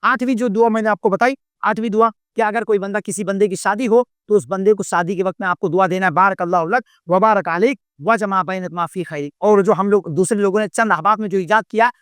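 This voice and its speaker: A man preaching a sermon to a gathering. He poses rhetorical questions, answers them himself, and recites Arabic supplications slowly and deliberately. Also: sits high, fairly even intonation, smooth, no room sound, studio quality. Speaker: Islamic preacher.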